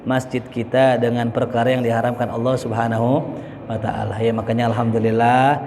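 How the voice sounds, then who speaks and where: A man's voice: mid-range voice, flat delivery, fairly quick, background noise. A man giving a casual, joking lesson as a preacher in a mosque, acting out examples as he talks. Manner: joking, chatty, acts out examples. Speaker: Islamic preacher. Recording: echoey hall with faint ambience.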